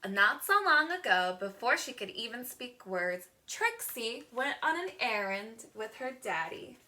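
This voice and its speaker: A woman reading a picture book aloud to young children in an expressive teacher's manner, drawing words out. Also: a little high, a little slow, slight background noise. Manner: expressive, asks the listener questions, gasps, draws words out.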